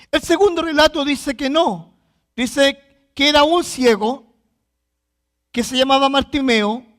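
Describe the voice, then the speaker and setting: A man's voice: very high-pitched, fairly bright tone. A man preaching a sermon, reading Bible passages aloud and then explaining them with emphatic repetition. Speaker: pastor.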